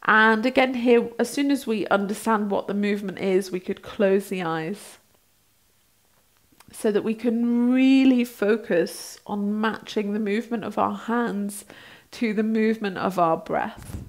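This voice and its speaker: A woman in her thirties working as a breathwork instructor, gently guiding a practice in an unhurried way with pauses between instructions. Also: mid-range voice. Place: small bright indoor room, seated on a mat.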